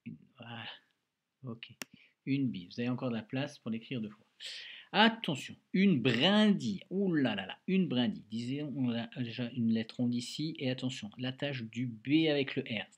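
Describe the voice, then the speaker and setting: A male primary school teacher records a handwriting lesson for a child, patiently narrating every pen stroke aloud in an encouraging way. His voice is mid-range, and the recording has a slight hiss or hum.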